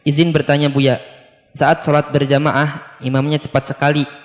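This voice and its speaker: A man reading a listener's question aloud to a preacher in a steady, even way. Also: fairly high pitch, normal speed. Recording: long hall reverb.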